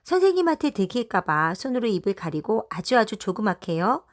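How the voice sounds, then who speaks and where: A woman teacher reading a children's storybook aloud, with a lively, expressive telling. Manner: lively, voices the mothers with quick pitch jumps.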